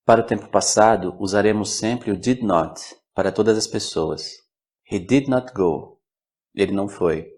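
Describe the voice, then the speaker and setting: A man teaching an English grammar lesson, explaining each point slowly and giving example sentences. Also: fairly low pitch, fairly even intonation, a little mellow. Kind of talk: scripted language lesson.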